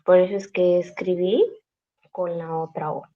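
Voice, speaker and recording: Slow, patient woman teaching a class. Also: lowish voice, level tone, muffled recording. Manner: patient, explains step by step, asks "¿sí?" often. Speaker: Korean language teacher.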